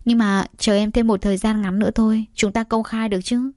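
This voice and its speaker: A woman voicing a calm, resolute young woman in an audiobook story, speaking directly and evenly. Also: on the high side, fairly quick, no echo, clean studio sound, lightly acted. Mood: gentle.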